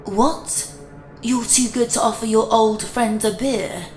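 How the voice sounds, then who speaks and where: A woman's voice: steady tone, slow pace, reverberant, soft background music. A woman voicing a menacing, volatile ex-boyfriend. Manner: mock-friendly, then low and dangerous. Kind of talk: horror story narration.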